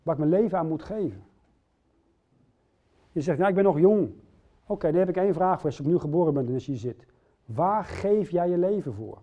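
A man's voice: on the high side, lively intonation, fairly quick. A middle-aged man preaching a sermon, speaking earnestly and putting direct questions to his listeners. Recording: dull lo-fi recording.

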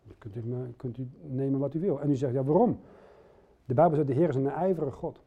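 A man's voice: mid-range voice, quick pace, slightly rough. A middle-aged man preaching a sermon, speaking earnestly and putting direct questions to his listeners. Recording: dull lo-fi recording.

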